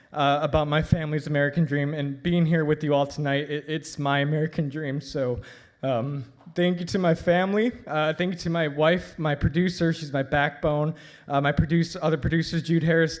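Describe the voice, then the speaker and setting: A man giving a halting acceptance speech on a ballroom stage, full of fillers and thank-yous. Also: a little high. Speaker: award winner.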